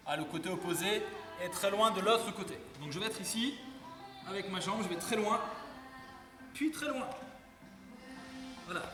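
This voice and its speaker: Man coaching a workout in an echoey hall. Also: high voice. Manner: instructive, counts reps while exercising. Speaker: fitness coach. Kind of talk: workout demonstration. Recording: echoey hall, distant mic, music.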